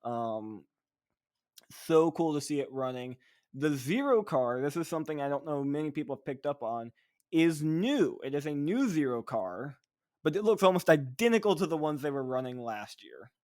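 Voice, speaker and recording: A man's voice: a little high, big pitch swings, moderate pace, darkish tone, no room sound, studio quality. A man co-hosting a podcast, chatting enthusiastically with frequent fillers. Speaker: podcast co-host. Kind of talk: casual podcast chat.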